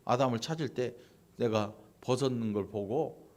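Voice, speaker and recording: A male pastor preaching a sermon in a church, animated and prodding his congregation with quick asides. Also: medium pitch. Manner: animated preaching, acting out quoted voices, frequent "응?" and "어?" to the congregation. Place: church sanctuary.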